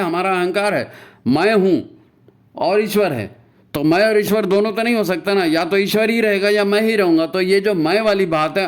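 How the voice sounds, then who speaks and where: A man giving a spiritual talk on meditation, often repeating himself and asking rhetorical questions. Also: high-pitched. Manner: rhetorical questions and repetition, tagging "है ना?"; recites scripture and mantra lines. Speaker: spiritual speaker.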